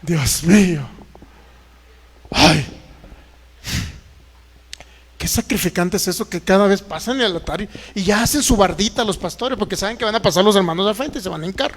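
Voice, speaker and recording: A man's voice: high voice, quick pace, few pauses, long reverb tail. A man preaching a sermon to an online audience, emphatic and mocking, with frequent exclamations.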